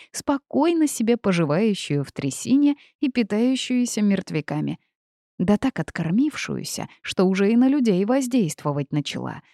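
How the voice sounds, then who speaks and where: In clean studio audio free of any room sound, a woman reads a first-person audiobook aloud. Her mid-range voice carries the story at a measured pace, with expressive storytelling.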